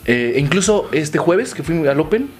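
A man's voice: a little high, big pitch swings, measured pace. A man with a Mexican accent hosting a comedy show, joking crudely with lots of slang. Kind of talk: loud comedic banter.

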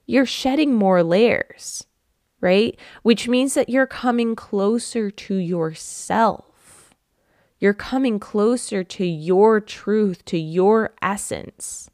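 A woman's voice: mid-range voice, no echo, studio quality. A woman hosting her own podcast, speaking earnestly and from the heart straight to her listeners. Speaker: podcast host. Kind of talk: reflective solo podcast talk.

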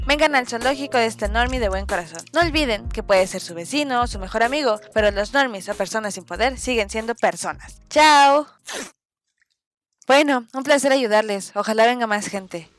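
A woman's voice: on the high side, brisk, few pauses, soft background music, lightly acted. A woman playing a chirpy, tactless young vlogger in an audio drama, gushing and patronizing. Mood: gushing pity. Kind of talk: vlog presenting in audio drama.

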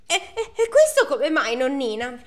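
A woman doing a gullible young merchant's daughter from an old folk tale. She sounds plaintive and whiny, pitched well above a normal speaking voice. It plays like a story read aloud by friends. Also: big pitch swings, unhurried.

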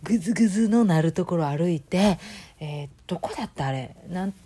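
A woman with a Kansai accent hosting her own channel, chatting casually and telling stories in a lively, conversational way. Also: fairly low pitch, brisk, husky. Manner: chatty storytelling, acting out quoted voices. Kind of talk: casual chat.

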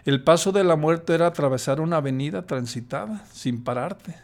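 A man's voice: a little high, fairly quick. An older man, a podcast guest telling a personal story in a hesitant way, with many restarts.

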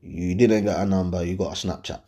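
Low-pitched and mellow, this man's voice carries a London accent as he casually talks to viewers. As a dating and lifestyle advice host, he offers his views in slang-filled conversational style and keeps checking that they follow him.

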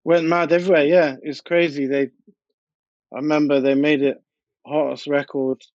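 A DJ and music producer chats casually in an interview, sharing anecdotes and repeating himself for emphasis. His voice is on the high side, level, darkish and moderately paced. The recording is muffled, with no room sound.

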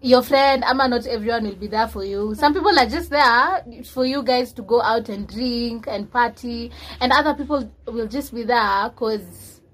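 High-voiced Kenyan woman chatting. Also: moderate pace, few pauses, a bit bright. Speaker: podcast co-host. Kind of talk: casual chat, mixing English and Swahili slang.

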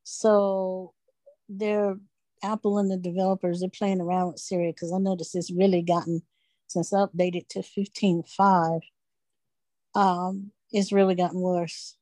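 A woman speaks in a casual group discussion, hesitant and halting as she explains her view. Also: lowish voice, little pitch movement, dark tone, no echo. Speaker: participant.

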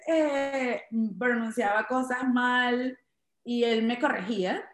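Young female stand-up, animated storyteller, laughs a lot, slightly high voice, echoey room. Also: slow pace. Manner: animated, laughs often, acts out quotes. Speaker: stand-up comedian, guest. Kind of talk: casual interview storytelling.

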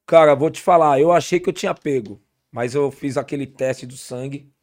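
A man's voice: mid-range voice, moderate pace. A man telling stories in a casual podcast chat, full of slang and restarts. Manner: relaxed storytelling, heavy slang, frequent restarts. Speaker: podcast guest.

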